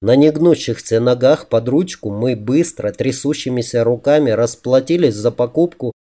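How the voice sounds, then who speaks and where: Mellow-voiced male audiobook narrator. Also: medium pitch, moderate pace. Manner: lively, humorous storytelling. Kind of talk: first-person audiobook narration.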